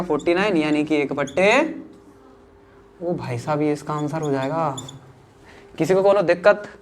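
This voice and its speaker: Male maths tutor, north Indian Hindi accent, casual teasing classroom manner, slight background noise. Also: fairly high pitch. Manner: chatty, teasing, reassuring. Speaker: maths teacher. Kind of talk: informal classroom lesson.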